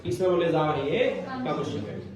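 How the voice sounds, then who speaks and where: Male teacher, high pitch, drills the class with repeated questions; booming room echo. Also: huge pitch swings, normal speed, a crowd in the background. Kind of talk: classroom grammar lesson. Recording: echoey classroom, from far off.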